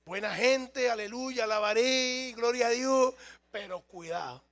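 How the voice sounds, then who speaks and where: A man's voice: extremely high pitch, a little slow, fairly bright tone. A man preaching a sermon as a pastor, humorous and speaking straight to his congregation.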